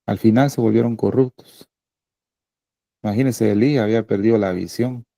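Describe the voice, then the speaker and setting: A male pastor preaching a sermon in a conversational way, often checking in with the congregation through quick tag questions. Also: on the low side, steady tone, creaky, warm tone, no echo.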